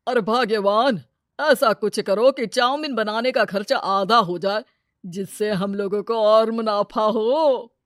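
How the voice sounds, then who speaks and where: A woman's voice: mid-range voice, a little slow, no echo, clean studio sound, close to an everyday voice. A woman voicing a greedy, scheming village moneylender, a brusque and bossy husband in a cartoon moral story. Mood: smug, scheming.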